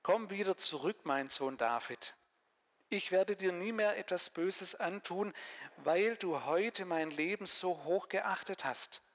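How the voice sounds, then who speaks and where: A man voicing the humbled King Saul, speaking slowly and contritely, in a reverberant hall. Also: high voice, fairly bright tone, exaggerated voice. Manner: slow, subdued and contrite.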